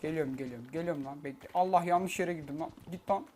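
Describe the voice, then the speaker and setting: A man giving excitable, swearing live gameplay commentary on a cheap microphone. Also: a little high, fast, noisy background. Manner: excitable, shouting, swearing, repeating himself. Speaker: gameplay streamer. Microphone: cheap poor-quality microphone. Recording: loud gunfire over a cheap mic. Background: loud game gunfire and clicks.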